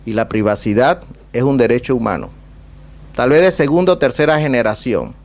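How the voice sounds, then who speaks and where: Male diplomat, Caribbean Spanish accent of Panama, mid-pitched, discursive and rhetorical public speaker. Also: brisk. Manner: discursive, rhetorical questions, emphatic repetition. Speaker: ambassador giving a talk. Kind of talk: public talk with question and answer.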